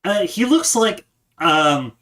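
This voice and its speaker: A man's voice: sits high, big pitch swings, slow pace, a bit bright. A man narrating a tabletop game as game master, describing scenes and often restarting his sentences.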